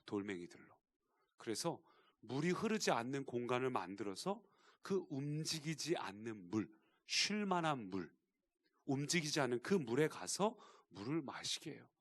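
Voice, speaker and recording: A male pastor preaching a sermon, shifting between quiet explanation and emphatic appeals to the congregation. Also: a little high. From Korea. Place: church sanctuary.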